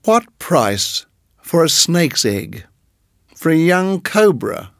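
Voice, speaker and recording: A man's voice: on the high side, big pitch swings, slow pace, gravelly, a bit bright, no room sound, clean studio sound, voice pushed up, full character voice. A man voicing a brave, boastful young male mongoose in a storybook reading, taunting and fierce.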